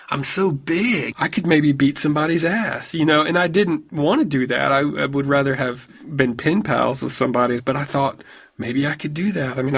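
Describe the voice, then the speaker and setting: A man in his thirties performing a personal story in a wry, conversational way, full of casual fillers. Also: medium pitch.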